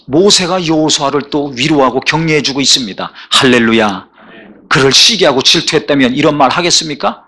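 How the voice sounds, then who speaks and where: A man's voice: on the high side, brisk, pushed and bright. A male pastor preaching a sermon in a church, building emphatic repeated phrases and calling for responses. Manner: preaching with rising emphatic repetitions and call-and-response. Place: church sanctuary.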